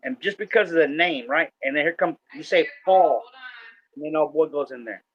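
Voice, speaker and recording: A man's voice: a little high, moderate pace. A man co-hosting a casual talk show, rambling through stories with lots of fillers and restarts. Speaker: podcast co-host. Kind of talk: casual chat. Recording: dull lo-fi sound.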